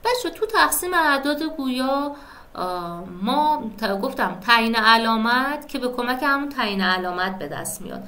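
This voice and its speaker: A woman's voice: on the high side, lively intonation, pushed and bright. A woman teaching a math lesson step by step, often checking in with her students by asking "right?". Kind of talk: step-by-step classroom explanation.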